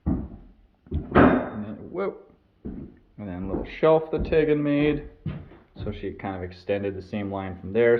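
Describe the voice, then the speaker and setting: A man's voice: lowish voice, muffled recording. A young man hosting a casual vlog, talking his way through building work on his home in a chatty, explaining way.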